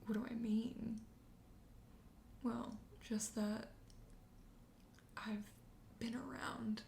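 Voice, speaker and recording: A woman plays a suave vampire host in an ASMR roleplay, murmuring in a soft, breathy whisper that is dark and mellow. Her slightly high voice holds a level tone in a full character voice, slow, coaxing, flirtatious, playful and curious. The space is roomy and echoing, with faint background noise.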